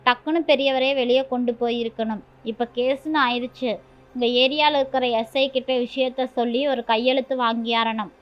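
A woman voicing a brisk, matter-of-fact hospital nurse who speaks bluntly in a storybook reading. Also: a little high, fairly even intonation, close to an everyday voice. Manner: blunt and businesslike. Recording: dull lo-fi with faint music.

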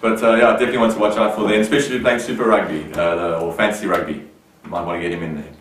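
A man's voice: lowish voice, level tone. Guy hosting a rugby-type chat show, goofy and rambling, sounds far from the mic in a big echoey room. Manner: loose, joking, halting with fillers. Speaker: show host. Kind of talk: casual sports chat. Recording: roomy, distant mic, faint noise.

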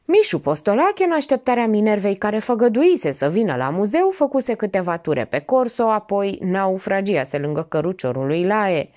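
Lady narrating an audiobook, lively pitch, steady pace. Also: few pauses. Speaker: audiobook reader.

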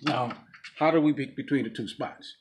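A man's voice: medium pitch, normal speed. Upbeat man talking to the camera. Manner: upbeat, explains to viewers, laughs easily. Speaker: vlog co-host. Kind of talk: casual vlog chat. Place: outdoor patio and garage of a home. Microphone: camera a few feet away.

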